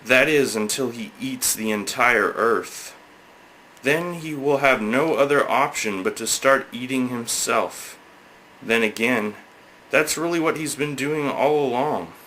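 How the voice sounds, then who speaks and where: A man's voice: medium pitch, measured pace, pushed and bright, a little hiss or hum, poor audio. A man giving a hammy, theatrical dramatic reading of a scripted satirical essay, leaning on words for emphasis.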